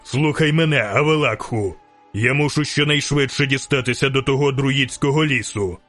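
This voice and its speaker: A man voicing a gruff, middle-aged male monster hunter in an audiobook, speaking curtly and urgently, with swearing. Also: medium pitch, normal speed, a bit bright, faint music behind, natural voice. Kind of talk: audiobook character reading.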